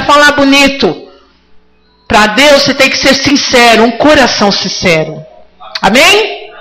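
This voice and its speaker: A woman's voice: high-pitched, bright, forceful tone, low-quality recording. A woman preaching a sermon to her congregation, fervent and rising now and then to cries.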